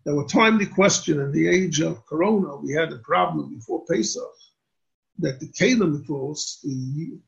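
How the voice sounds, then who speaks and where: A man, a rabbi, answering questions on religious law in a deliberate, explanatory way and restating his points. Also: on the high side, vocal fry. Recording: dull lo-fi recording.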